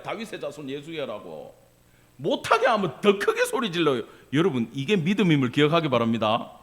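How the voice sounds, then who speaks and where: Animated, bright-voiced male preacher. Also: a little high. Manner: animated preaching, swinging from quiet asides to loud cries; casual banmal asides to the congregation. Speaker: pastor. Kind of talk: sermon.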